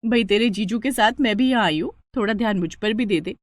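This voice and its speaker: A woman's voice: medium pitch, a little fast, no room sound, studio quality, lightly acted. A woman voicing a cheerful, bantering married elder sister in a storybook cartoon. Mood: teasing. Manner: bantering, affectionate. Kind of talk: storybook narration.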